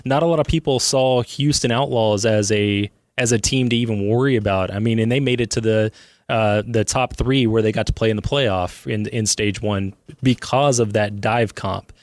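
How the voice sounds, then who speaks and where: A man interviewed as a guest on a radio show, relaxed and enthusiastic, filling his talk with "I mean". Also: on the low side, moderate pace, dry recording, studio quality.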